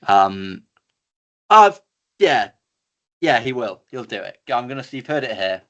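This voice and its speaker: A man's voice: mid-range voice, very animated, unhurried, a bit bright, highs cut off. A young man co-hosting a casual sports chat, confident and cheeky, stating bold opinions. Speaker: co-host.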